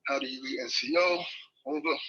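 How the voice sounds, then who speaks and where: A man's voice: on the high side, very animated, brisk, gravelly, pushed and bright, husky. A man acting as net control on a two-way radio, speaking in formal radio procedure and spelling letters phonetically. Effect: heard over a two-way radio link. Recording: lo-fi radio audio.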